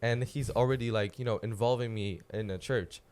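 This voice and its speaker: Young Polish-accented man, smooth voice. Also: medium pitch, fairly even intonation, a little fast, a little mellow. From Poland. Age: teens. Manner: searching for words, many fillers and restarts. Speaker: guest, student youth leader. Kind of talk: casual podcast chat.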